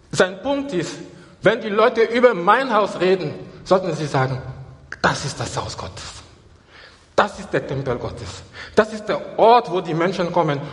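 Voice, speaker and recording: Emphatic preacher with a ringing hall echo. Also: male voice, high-pitched, fairly bright tone. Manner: emphatic, repeats key phrases. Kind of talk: sermon. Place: church.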